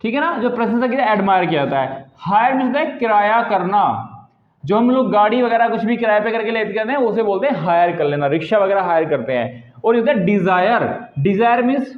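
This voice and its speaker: A man's voice: high voice, lively intonation, brisk. A man teaching a lesson to camera in a patient manner, often tagging his sentences with a checking "right?". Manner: patient, repeats "ठीक है ना" as a filler tag. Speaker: English teacher. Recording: echoey room, tinny phone-like sound.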